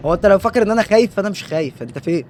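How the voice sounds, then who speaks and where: A let's play gamer with an Egyptian Arabic accent talks fast through his horror game run, joking and bantering back at the on-screen figures. His voice is slightly high, with lively intonation and a darkish tone, and a faint noise sits beneath it.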